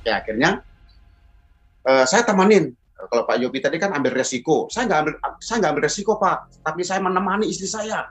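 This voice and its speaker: A middle-aged man telling a personal testimony in a sermon as pastor, with animated storytelling. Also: a little high, fairly quick, faint music behind. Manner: animated storytelling, acts out quoted voices.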